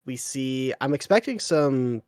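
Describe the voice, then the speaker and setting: A man calls a live esports draft play-by-play, chatty and teasing as he banters with his co-caster, often pausing on an "uh." His medium-pitched, darkish voice has lively intonation. The recording is close and dry, with no room sound.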